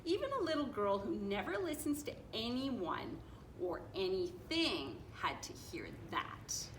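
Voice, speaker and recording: A woman reads a children's picture book aloud with playful asides and dramatic pauses. Her delivery is unhurried and highly animated, recorded in an echoey room. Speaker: storybook reader, teacher. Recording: roomy echo, clear background noise.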